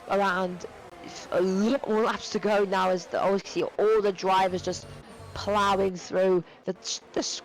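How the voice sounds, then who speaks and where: A man giving live sim racing commentary, excitable and rambling with many fillers, his voice going hoarse and cracking. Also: sits high, low-quality recording. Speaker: race commentator.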